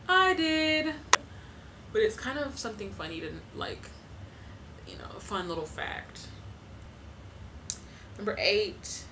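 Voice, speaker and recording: A woman's voice: fairly low pitch, background noise. A woman in her twenties chatting casually to camera from her living room, talking loosely with lots of fillers and laughs. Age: 20s. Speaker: vlogger.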